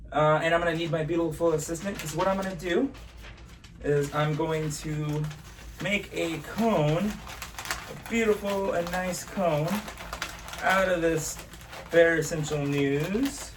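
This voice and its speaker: A man with a fairly high voice hosts a magic show like a kids party magician. His patter is playful and chatty, speaking straight to the viewers. He is recorded a little away from the mic, with faint room noise around him. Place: at home in an apartment. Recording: distant mic, noisy room ambience.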